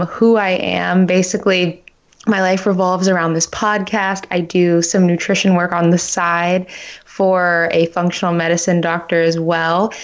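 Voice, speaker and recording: A young woman in her twenties, a podcast co-host, telling her story in an upbeat way, with a slightly sleepy morning voice. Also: lowish voice. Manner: upbeat, laughs easily, open about her past. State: early-morning voice. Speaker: podcast co-host, nutritional therapy practitioner. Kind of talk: casual interview storytelling. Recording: dull lo-fi call audio.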